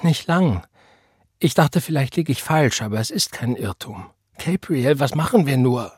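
A male reader voicing a frightened young pregnant woman who pleads through tears, her voice rising high, in an audiobook. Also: sing-song, measured pace, a little mellow, husky, no room sound, studio quality, exaggerated voice. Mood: pleading.

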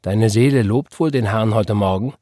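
A man voicing a wry woman who teases gently. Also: fairly low pitch, normal speed, no room sound, studio quality, natural voice. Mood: teasing. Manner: teasing, gentle. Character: wry middle-aged woman, gently teasing.

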